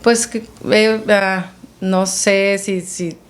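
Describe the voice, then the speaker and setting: A middle-aged woman telling a personal faith testimony in an earnest, halting way, often repeating herself. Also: mid-range voice, steady tone. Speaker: guest, mother of the host.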